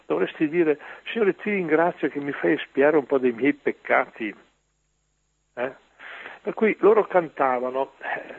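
A man's voice: mid-range voice, creaky, husky, no echo. A man, a priest, giving an informal homily in a chatty way, full of rhetorical questions and fillers. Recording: tinny radio broadcast.

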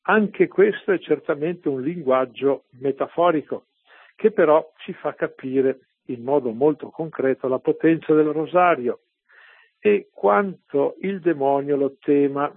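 A man's voice: fairly high pitch, measured pace, husky, dry recording. A man telling religious stories on the radio in a conversational, sermon-like way, often checking with listeners, over a tinny phone-like broadcast. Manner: conversational, asking listeners "capito?".

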